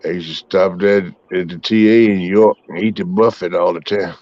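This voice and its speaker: A man's voice: low-pitched, steady tone, normal speed, a little mellow. A middle-aged man, casually chatting with his livestream viewers in a rambling, folksy way. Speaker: livestream host. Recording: muffled, dry.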